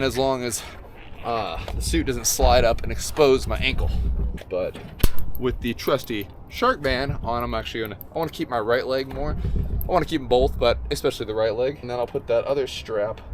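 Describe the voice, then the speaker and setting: Chatty man vlogging through noisy camera audio. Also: mid-range voice. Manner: chatty and upbeat, laughs often at himself. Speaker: spearfishing vlogger. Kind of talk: casual vlog chat, talking to camera. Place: outdoors on a coastal jetty, getting ready to dive. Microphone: action camera in a waterproof case.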